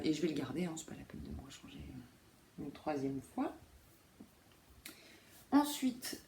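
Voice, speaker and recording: A woman's voice: mid-range voice, a little mellow, reverberant, slight background noise. A woman hosting a knitting podcast, talking casually with many fillers and asides, in a room at home by a window. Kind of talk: casual chat.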